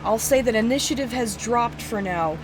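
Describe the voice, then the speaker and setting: Woman gm running a tabletop game, bit high voice, lots of uhs, hissy background. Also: normal speed. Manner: relaxed, with many fillers. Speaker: game master.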